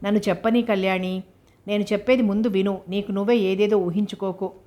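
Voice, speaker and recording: A woman's voice: mid-range voice, fairly even intonation, fairly quick, dark tone, close to an everyday voice. A woman reading the part of a young man who coaxes and soothes an upset partner. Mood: pleading. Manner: soothing, coaxing. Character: young man pleading, trying to calm.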